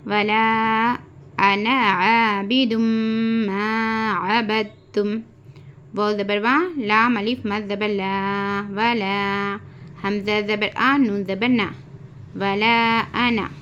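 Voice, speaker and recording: A woman with an Urdu accent teaching Quran reading, spelling out letters and vowel marks in a slow, drawn-out recitation lesson. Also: mid-range voice, a bit bright. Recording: dull lo-fi home recording, faint hiss.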